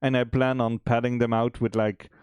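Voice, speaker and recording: Relaxed, chatty man on a dev stream. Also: mid-range voice, normal speed, clean tone, no echo. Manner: relaxed, chatty, laughs often, many restarts. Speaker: indie game developer. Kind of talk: casual chat on a dev stream.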